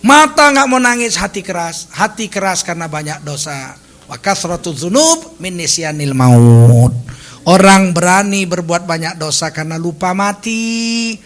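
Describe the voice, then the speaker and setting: A man preaching a sermon in an animated, humorous way, now and then acting out short quoted voices. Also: high voice, unhurried. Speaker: Islamic preacher.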